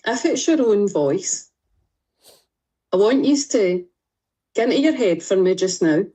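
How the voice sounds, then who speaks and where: Speaking with a Scottish accent, a fitness and mindset coach guides a group through exercises on a video call. Her medium-pitched voice has a dark, slightly rough tone, and she comes across as direct and reassuring.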